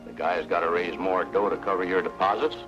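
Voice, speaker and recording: An actor playing a gruff, eager male outlaw henchman. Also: sits low, fairly even intonation, brisk, close to an everyday voice. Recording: dull old TV soundtrack with music.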